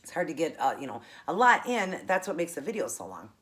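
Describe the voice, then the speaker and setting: A woman's voice: low-pitched, sing-song, fairly bright tone. A middle-aged American woman with a tongue piercing, chatting casually to viewers while she eats. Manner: talking while eating, with pauses to chew. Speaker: host of a keto eating show.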